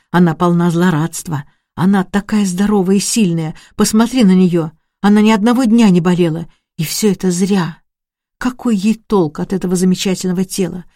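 A reader voicing a young, gravely ill woman who insists feverishly that she will live and orders others about. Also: mid-range voice, warm tone, no echo, studio quality, lightly acted. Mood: bitter. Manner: pleading, then commanding and mocking. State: coughing, short of breath.

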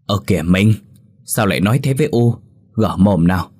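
A man's voice: sits low, expressive, fairly quick, darkish tone. Mild peasant husband, as a man reads him. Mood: reproachful.

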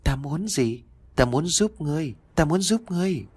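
A man voicing an eerie ghost child in a told horror story, hushed and taunting. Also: fairly high pitch, lively intonation, normal speed, breathy edge, no room sound, pitched above the performer's own voice.

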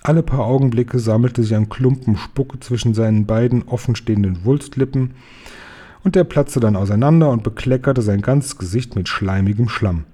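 A man reading a children's storybook aloud, slowly and expressively. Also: mid-range voice. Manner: slow, careful, expressive. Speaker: reader.

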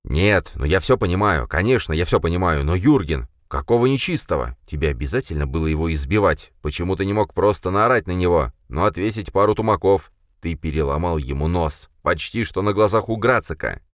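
A man's voice: sits low, expressive, no room sound, studio quality. A male narrator voicing an agitated young man who snaps and hisses sarcastic remarks. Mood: heated. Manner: heated, sarcastic, quick to snap.

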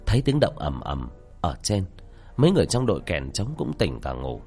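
A man's voice: deep voice, very animated, moderate pace, a little mellow, breathy edge, faint music behind. A man telling a horror story in a tense, dramatic narrating style.

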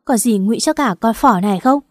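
A woman's voice: a little high, expressive, fairly quick, dry recording, clean studio sound. A woman voicing a spiteful, cruel young sister-in-law in a narrated story, mocking and taunting.

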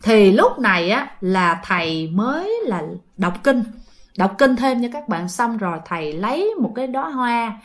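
A woman's voice: a little high, big pitch swings, normal speed. A woman with a Southern Vietnamese accent, telling a ghost story in a casual, chatty way and speaking directly to her listeners.

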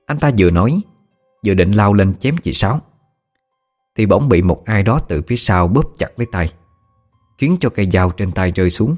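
A man's voice: on the low side, expressive, normal speed, pauses often, darkish tone, faint music behind. A man narrating a ghost story. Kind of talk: scripted narration.

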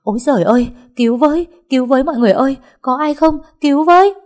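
A woman's voice: sits high, expressive, quick pace, darkish tone, pitched above the performer's own voice. A woman reading a story voices a panicked middle-aged housemaid crying for help. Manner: frantic, shrieking.

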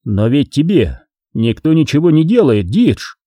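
A man reading an audiobook voices a cold, calm, ironic mafia hunter. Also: a little high, unhurried, no room sound.

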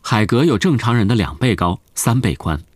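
A man narrating a novel as an audiobook in a steady storytelling manner. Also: on the low side, normal speed, slight background noise.

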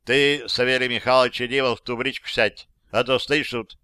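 A man voicing a stern male colonel in an audiobook, barking gruff orders. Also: mid-range voice, fairly even intonation, fairly quick, sharp tone, dry recording, studio quality, natural voice. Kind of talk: audiobook reading.

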